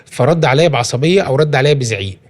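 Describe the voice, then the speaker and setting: Fast-talking Egyptian man explaining parenting. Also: medium pitch, animated. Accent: Egyptian Arabic. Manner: explains with everyday examples, many restarts. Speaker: parenting guest expert. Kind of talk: casual studio conversation.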